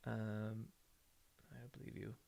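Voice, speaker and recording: Gravelly forty-something man chatting with viewers. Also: lowish voice, flat delivery, measured pace, a little mellow, slight background noise. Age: 40s. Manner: joking, rambling, many ums. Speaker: streamer. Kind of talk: casual live-stream chat with viewers.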